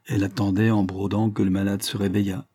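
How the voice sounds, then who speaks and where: Dark husky male audiobook narrator. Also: on the low side, level tone. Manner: measured, formal reading. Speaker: audiobook reader. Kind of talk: scripted narration.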